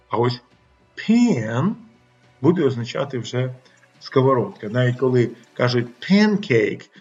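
Husky man teaching pronunciation. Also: medium pitch, highs cut off. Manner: demonstrative, repeats sounds aloud. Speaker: English teacher. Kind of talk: pronunciation lesson.

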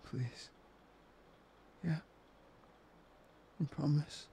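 Guy doing a clingy obsessive boyfriend type, whispery and slow, lots of vocal fry, audio roleplay. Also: fairly high pitch, fairly even intonation, warm tone, exaggerated voice. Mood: adoring. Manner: murmuring, intimate, slow and breathy. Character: possessive, obsessive young man, soft-spoken and controlling.

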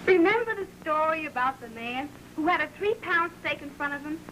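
A woman's voice: high-pitched, animated, a little fast, pushed and bright. An actress playing a slangy, playful young working-class American woman in an early talkie. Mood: playful, chatty. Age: young adult. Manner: slangy, chatty. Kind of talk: early talkie film acting. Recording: noisy old film soundtrack.

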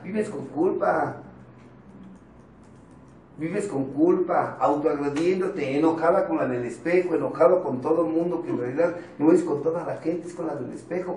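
A man with a Mexican Spanish accent and a fairly high, mellow voice gives a joking, informal motivational talk to a support group at normal speed. He's blunt and swears casually, and the recording is roomy, with a distant mic and faint noise.

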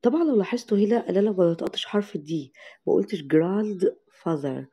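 A young woman with an Egyptian Arabic accent teaching an English lesson to parents, stretching out English words slowly to show how they are said. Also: medium pitch, lively intonation, warm tone, husky. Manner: slow, drawn-out model pronunciation of English words.

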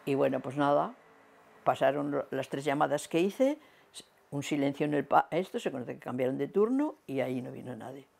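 A woman in her eighties from Spain with a Spanish accent, telling her life story in an oral history interview, slow and reflective with many pauses. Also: very deep voice, animated, gravelly, a little mellow. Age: 80s. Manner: unhurried, reflective, with many hesitations and repetitions. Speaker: interviewee recounting her past.

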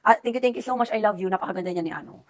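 A chatty middle-aged woman from the Philippines opens her birthday gifts on camera and gushes over each one. Her voice sits at a middling pitch, and she talks casually, slipping into English phrases as she goes. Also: very fast. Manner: chatty, gushing, mixes English into her talk. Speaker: vlogger opening birthday gifts. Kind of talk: casual unboxing vlog.

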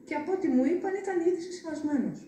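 A woman, an interviewed mother, retelling a tense incident with hesitations and shifts in pitch. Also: warm tone, a little hiss or hum. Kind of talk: emotional recounting interview. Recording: echoey, distant mic.

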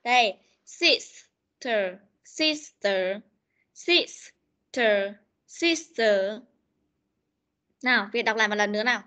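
A young woman teacher runs an online pronunciation drill. Her voice is bright and fairly high, and she corrects and repeats words slowly and patiently. It sounds like a video call mic. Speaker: English teacher.

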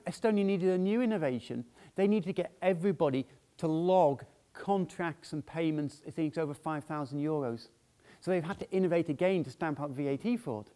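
High-voiced man giving a chatty conference talk. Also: dark tone. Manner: chatty, asks "yeah?" to the audience often. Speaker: conference speaker. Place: large dim conference hall, on stage.

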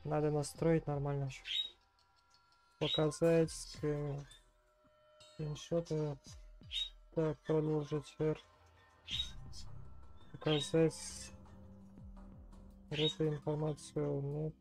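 Slow, flat-pitched young male game streamer. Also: music in the background. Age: young adult. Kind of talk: casual gameplay commentary. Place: indoors at a gaming desk, game music behind.

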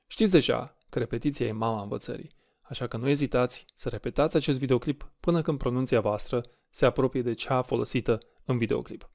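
A man teaching a language lesson, saying words slowly and clearly and repeating them for practice. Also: mid-range voice. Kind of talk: slow, clear pronunciation lesson.

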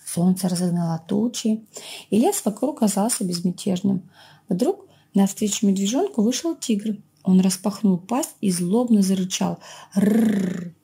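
A woman reading a children's fairy tale aloud in a gentle, expressive storytelling way. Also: mid-range voice, moderate pace, vocal fry, slightly rough. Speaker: children's librarian reader.

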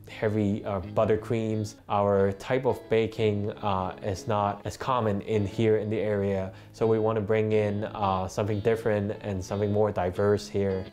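A young Hong Kong man, a Cantonese native speaker, talks in a fairly low, slightly mellow voice. He works in a bakery and studies, and he answers thoughtfully, with lots of fillers, in a documentary interview filmed in a bakery kitchen.

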